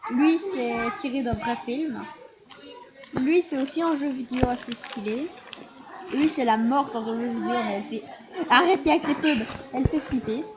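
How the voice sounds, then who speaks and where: A woman vlogger chatting excitedly and rambling with fillers as she comments on her screen. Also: high-pitched, moderate pace, background noise. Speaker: gaming vlogger. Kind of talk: casual screen-recorded commentary.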